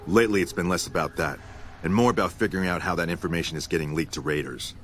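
A man acting a low-voiced, businesslike army captain. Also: quick pace, a little hiss or hum, close to an everyday voice. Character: gruff, businesslike military captain hunting a mole. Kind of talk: video game dialogue.

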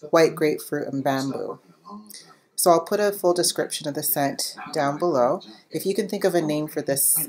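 A woman with a notably low voice talks through her homemade soap in a casual vlog. She rambles along, filling pauses with ums and quick asides, recorded at home. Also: a little mellow. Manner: chatty, rambling with many fillers. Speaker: soap maker.

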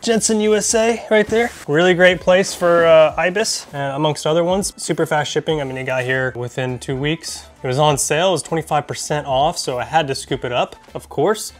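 A man's voice: on the high side, fairly quick, few pauses. A man hosting a casual vlog, talking in an enthusiastic, chatty way with frequent fillers. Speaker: mountain bike vlogger. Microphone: shotgun or wireless mic.

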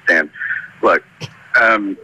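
A drunk man leaving a rambling, halting answering machine voicemail, played back over the air. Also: low-pitched, bright, forceful tone, a little hiss or hum, poor audio. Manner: rambling, halting, full of fillers. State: drunk, slurring. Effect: answering machine voicemail playback.

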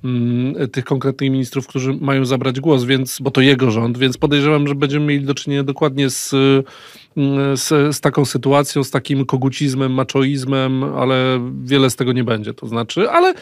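A man in his thirties co-hosting a political podcast, speaking measured and hesitant, often pausing with fillers, on a studio desk mic. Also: medium pitch, steady tone, no echo. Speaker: political commentator co-host. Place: small dark padded studio. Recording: dry close studio sound.

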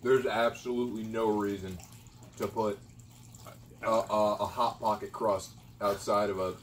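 A man's voice: on the low side, fairly even intonation, unhurried, far from the mic. A young man chats casually through a mouthful of food, talking while eating as he tastes and trades blunt jokes. He sits some way off from the microphone, with a faint hiss of background noise. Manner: blunt, joking banter. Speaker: taste tester. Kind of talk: casual chat.

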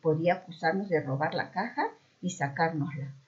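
A woman's voice: low voice, normal speed. Woman reading a storybook aloud. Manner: expressive, acting out dialogue. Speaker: narrator. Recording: dull muffled recording.

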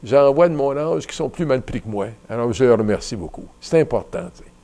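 A retiring bishop in his seventies from Ottawa, Canada, is interviewed at a table in a small, bright indoor studio. He speaks with a Canadian French accent in a medium-pitched, brisk voice with vocal fry, reflective and rambling, full of fillers and restarts, gesturing as he talks.

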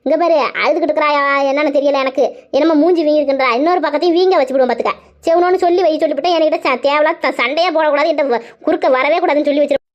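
A woman's voice: high-pitched, very fast, hardly any pauses, natural voice. A woman doing a grumbling wife seeking her husband. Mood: defensive. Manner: grumbling, defensive. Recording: dull lo-fi sound.

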